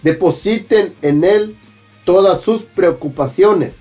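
A man reads scripture slowly and solemnly, weighing each phrase with a rather high voice. The sound is dull and lo-fi. Faint music plays behind him. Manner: slow, solemn, deliberate reading. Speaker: scripture reader. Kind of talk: formal Bible reading.

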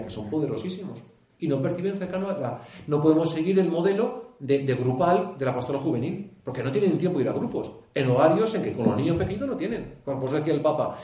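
A priest with a Castilian Spanish accent giving an earnest conference talk, full of restarts, rhetorical questions and a tag "¿eh?". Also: male voice, fairly high pitch, dark tone. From Spain. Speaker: priest and pastoral speaker. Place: conference hall. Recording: echoey hall.

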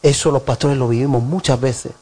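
A male pastor delivering a sermon in an animated way, acting out voices and piling up emphatic lists. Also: mid-range voice, fairly quick.

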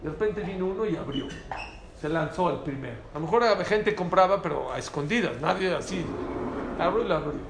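A man with a fairly high voice teaches a small group, animated and full of rhetorical questions. The sound is roomy, with a faint hum of noise behind him. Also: brisk. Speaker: Torah teacher. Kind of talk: lively spoken Torah class.

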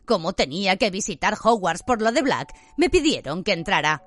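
A woman's voice: medium pitch, sing-song, normal speed. A woman voicing a pompous, middle-aged male government minister who talks in a bluff, sighing, falsely cheerful way.

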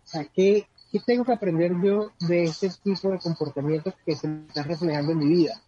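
A guest speaker on personal growth, this man offers earnest, conversational advice and often repeats words while searching for the right one. His higher-side voice is steady and dark, delivered briskly. The recording sounds dull and lo-fi with faint background noise.

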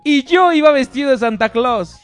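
A man's voice: very high voice, lively intonation, moderate pace, soft background music. A man with a Mexican accent, co-hosting a radio show in casual banter, joking and acting out his parents' voices. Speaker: radio co-host.

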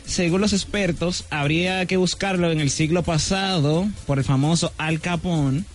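Radio host explaining plainly. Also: male voice, fairly high pitch, steady tone, moderate pace. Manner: explains plainly, repeats catchphrases. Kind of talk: casual radio banter. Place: radio studio.

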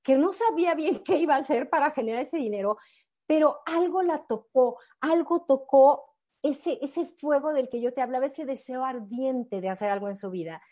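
A woman giving a motivational talk, telling a personal story in an animated, earnest and emphatic way. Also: high voice, moderate pace. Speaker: motivational speaker.

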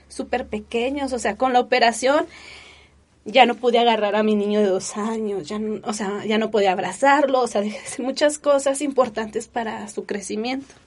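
A woman, telling her personal story in an interview with earnest, animated feeling and many fillers. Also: on the high side. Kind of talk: emotional personal testimony.

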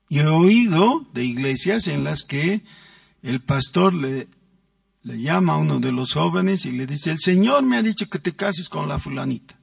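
A man's voice: sits high, creaky, fairly bright tone, no room sound, distant mic. A man preaching a sermon as pastor, stressing words and acting out quoted voices. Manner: emphatic, drawn-out words with acted quotes.

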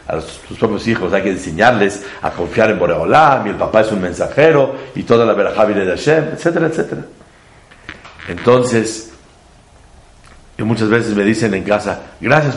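A man giving a Torah sermon, asking rhetorical questions and using playful homely examples. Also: on the low side. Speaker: religious teacher. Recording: echoey room.

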